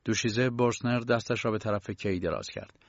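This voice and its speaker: Man reading a novel aloud, calm and even, dry dull lo-fi sound. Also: lowish voice, dry recording. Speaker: audiobook reader. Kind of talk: scripted narration.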